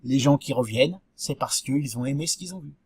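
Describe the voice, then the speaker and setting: A man's voice: medium pitch, brisk, a little mellow, husky, dry recording, clean studio sound. A man giving a lesson on web marketing, talking straight to viewers and asking rhetorical questions. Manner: didactic, addresses viewers directly with rhetorical questions. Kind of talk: explanatory video talk.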